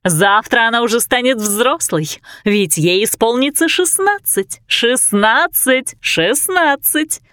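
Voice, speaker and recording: Cackling witch sisters in a storybook, chanting slow and high in a mocking sing-song, as a woman reads them out. The voice leaps up and down, and the recording is dry and close. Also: animated, a bit bright, no room sound.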